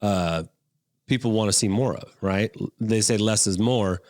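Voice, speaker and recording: A man's voice: fairly low pitch, fairly even intonation, measured pace, a little mellow. A man co-hosting a casual podcast, chatty and enthusiastic. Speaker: podcast co-host.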